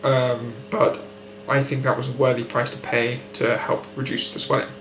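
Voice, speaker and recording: In a mid-range, fairly bright voice with level tone, a young British man speaks with measured precision for his post-surgery recovery diary, his nose blocked and sound nasal. A built-in webcam mic frames him closely in a room at home by a window; the space echoes and carries a faint hum.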